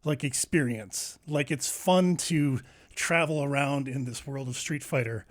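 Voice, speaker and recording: A man on a casual gaming podcast, still out of breath. He talks in halting, animated bursts and breaks into laughter. His pitch sits in the middle. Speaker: podcast co-host.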